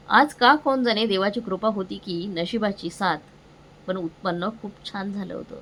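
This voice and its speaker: A woman narrating an emotional first-person story in an earnest, feeling storytelling manner. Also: mid-range voice.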